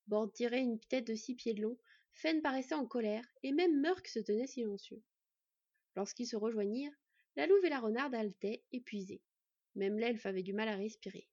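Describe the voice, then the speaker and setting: A woman narrating a fantasy story in an even, measured reading. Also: fairly high pitch, dry recording. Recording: dull, dry recording.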